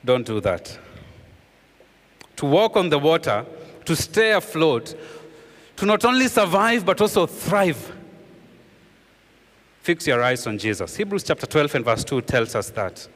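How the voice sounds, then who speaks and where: A man preaching a sermon with a fairly high voice, leaning on repeated phrases and sinking to hushed tones to drive a point home. His voice rings out with a long reverb, as if in a church hall. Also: very animated, a little slow, long pauses. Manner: earnest preaching, repeats key phrases, drops to a hushed voice for emphasis. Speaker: pastor.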